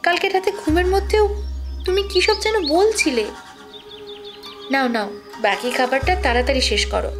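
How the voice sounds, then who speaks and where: A woman's voice: high-pitched, normal speed, long pauses, over music, close to an everyday voice. A young woman voicing a caring, teasing young wife in an audio drama, coaxing and playful.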